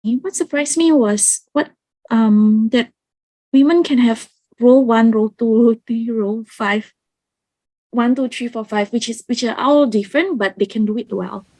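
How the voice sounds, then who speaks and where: A woman's voice: a little high, moderate pace, dark tone, dry recording. A woman from Indonesia who is an expedition member, telling a personal story in a hesitant way with many fillers. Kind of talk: personal account.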